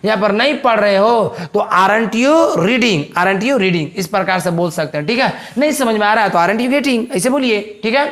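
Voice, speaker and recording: A man's voice: sits high, moderate pace, few pauses, a bit bright. A man teaching English grammar in a classroom-style lesson, repeating each example sentence and asking rhetorical questions.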